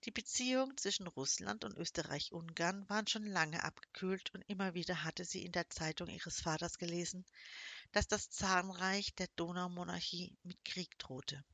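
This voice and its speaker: A low, bright-voiced woman narrating a novel. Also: moderate pace, vocal fry, dry recording. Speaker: audiobook narrator. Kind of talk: scripted narration.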